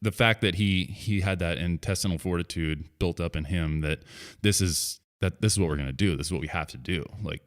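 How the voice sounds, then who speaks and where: A man in his thirties with a very low, deep voice hosts a podcast conversation. He talks casually and loosely, circling back with fillers like "you know" and restarting his sentences. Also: a little fast. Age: 30s. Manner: rambling, many fillers and restarts. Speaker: podcast host. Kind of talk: casual interview chat.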